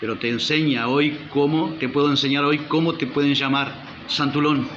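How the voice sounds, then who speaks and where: A man's voice: a little high, steady tone, moderate pace, fairly bright tone, a little hiss or hum. A male pastor preaching a sermon, firing rhetorical questions at the congregation and calling for amen. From Uruguay. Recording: roomy, slightly dull church recording.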